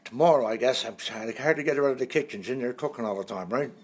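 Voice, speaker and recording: A man's voice: mid-range voice, quick pace, slightly rough. An older man, telling folksy jokes on a home live stream. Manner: folksy joke-telling, chuckling at own punchlines. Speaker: singer and entertainer. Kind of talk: casual live-stream jokes between songs. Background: guitar.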